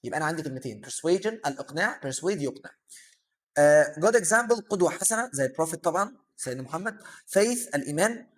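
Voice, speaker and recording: Fast-talking Egyptian male teacher. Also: on the high side, lively intonation. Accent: Egyptian Arabic. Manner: explains terms and asks himself questions, fillers like "aah". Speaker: English teacher. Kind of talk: vocabulary lesson for secondary students.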